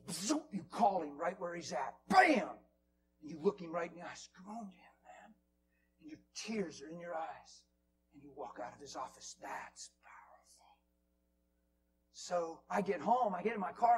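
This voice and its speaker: Animated preacher man, hushed to loud. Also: sits high, normal speed, a little hiss or hum. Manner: animated storyteller, swings from hushed whispers to loud exclaims. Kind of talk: sermon storytelling. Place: church hall.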